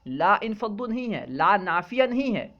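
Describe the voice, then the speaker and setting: A man's voice: high-pitched, very animated. Patient male teacher, dull lo-fi recording. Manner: patient, explanatory, often checks in with students. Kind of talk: classroom lecture.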